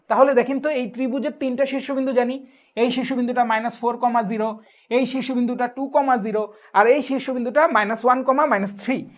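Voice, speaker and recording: A man's voice: very high-pitched, fairly bright tone. A young man, teaching a live math class. He asks the students questions, answers them himself and repeats the steps. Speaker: math tutor. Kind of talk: live online exam-prep math class.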